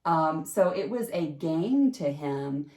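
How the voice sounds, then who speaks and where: A woman with a fairly low voice tells her story casually, in a chatty and emphatic way. She uses frequent fillers and restarts. The sound carries a roomy echo. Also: expressive, slow pace, dark tone. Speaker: storyteller sharing a personal experience.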